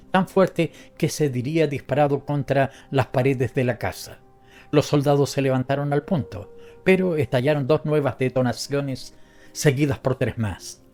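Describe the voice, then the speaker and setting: A man narrating a story as an audiobook reader, in a steady, measured way. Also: fairly high pitch.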